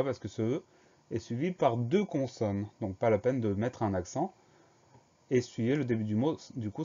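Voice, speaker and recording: A man's voice: medium pitch, dark tone, dull audio. A man teaching a spelling dictation lesson, patiently spelling each word out letter by letter.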